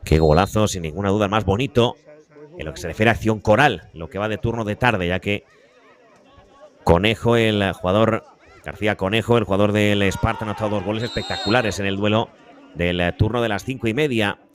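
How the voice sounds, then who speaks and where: A man giving live beach soccer play-by-play as a commentator, with breakneck goal commentary and drawn-out, repeated goal calls. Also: lowish voice. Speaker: sports commentator.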